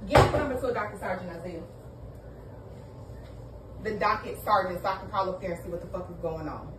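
A woman's voice: mid-range voice, a little fast. A mother heard over the phone, worried and pressing with questions. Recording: echoey distant phone line with loud noise.

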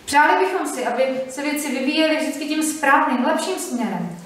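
A woman interpreting a sermon phrase by phrase, fluent and steady with brief hesitations, also reading scripture aloud. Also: sits high, a little hiss or hum. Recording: echoey hall from far off.

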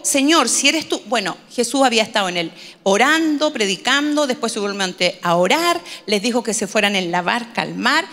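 A woman's voice: high voice, sharp tone, big-room sound. A woman pastor, preaching a sermon in a conversational storytelling manner with humorous asides.

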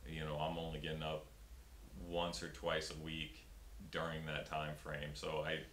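This young stand-up comedian's very deep voice is completely flat, measured in pace and fairly bright. He talks loosely in an interview, with many fillers and restarts. The fixed camera shows him from the upper body in a small pink-backdropped room, and the recording has a roomy feel and faint hiss.

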